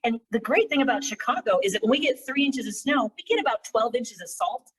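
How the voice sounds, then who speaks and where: A woman's voice: on the high side, lively intonation, fairly quick, husky. A woman comic telling a rambling, self-mocking stand-up story in an echoey bathroom with hard walls. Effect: echoey bathroom sound. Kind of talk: stand-up set over a live stream. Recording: echoey bathroom, far from mic.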